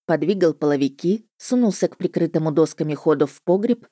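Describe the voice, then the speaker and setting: A woman with a low, dark voice reads a fantasy audiobook in the first person. Her storytelling is lively and wry, and she snaps out the heroine's retorts. The sound is close and dry. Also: a little fast, no room sound. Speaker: audiobook narrator.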